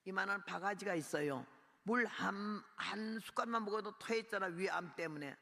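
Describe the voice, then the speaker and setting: Gravelly woman preacher in an echoing hall. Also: medium pitch, moderate pace, sharp tone. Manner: dramatic storytelling, acting out her own cries and prayers. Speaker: missionary preacher. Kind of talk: sermon testimony. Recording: reverberant hall sound.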